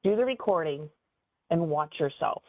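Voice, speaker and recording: A woman business advisor giving a webinar training in an animated, conversational way, with frequent fillers. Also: low-pitched, moderate pace, dry recording. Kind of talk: webinar presentation. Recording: tinny phone-like dry audio.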